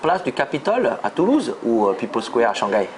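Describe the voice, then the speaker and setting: A man hosts the interview and asks brisk, playful questions in quick succession. His voice rises and falls with plenty of movement, and faint ambient noise sits behind it. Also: mid-range voice, big pitch swings. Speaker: interviewer, show host.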